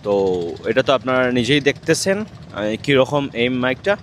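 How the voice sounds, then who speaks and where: A man giving a casual gadget review outdoors on a riverbank. He speaks up loudly over the noise through a wireless clip-on mic, and his voice carries noise-reduction artifacts from the mic's noise cancellation. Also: medium pitch, moderate pace. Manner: relaxed, with frequent hesitation fillers. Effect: processed by the mic's noise cancellation, with noise-reduction artifacts. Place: outdoors on a noisy riverbank with boat engines.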